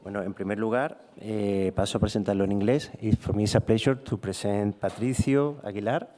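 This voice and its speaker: A man with Spanish as his first language chairs a conference session, introducing the speaker in a halting way with "eh" fillers. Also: lowish voice, fairly even intonation, warm tone. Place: conference hall. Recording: reverberant conference hall.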